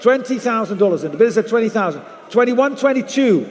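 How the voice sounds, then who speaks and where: A man runs a live auction in a high voice. He repeats figures and bids again and again as he calls for the next one. His voice rings through a large, reverberant hall. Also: lively intonation, racing. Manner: repetitive calling of numbers and bids. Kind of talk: live auction bid-calling.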